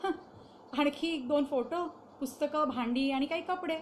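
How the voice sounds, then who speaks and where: A woman's voice: sits high, normal speed, a little hiss or hum, pitched above the performer's own voice, close to an everyday voice. A woman voicing a troubled middle-aged wife who turns agitated and bitter, in a raised, strained voice.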